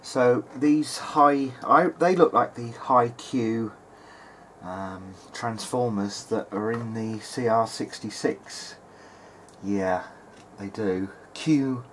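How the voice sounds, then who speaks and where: Taking it slowly in a medium-pitched voice, a hobbyist electronics repairer hosts a casual workbench demonstration indoors. He thinks aloud with hesitation. Background noise from the workshop room is clearly heard.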